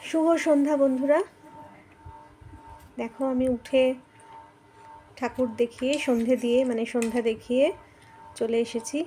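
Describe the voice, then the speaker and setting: A woman's voice: high voice, fairly even intonation, normal speed, pauses often, mellow, soft background music. Chatty woman vlogging at home. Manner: chatty, addresses viewers as friends. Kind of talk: casual home vlog chat. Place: home rooms.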